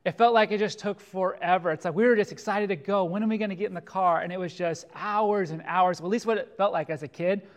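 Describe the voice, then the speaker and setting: A middle-aged man from California preaching a sermon as pastor, earnest and slowing down to stress key phrases. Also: sits high.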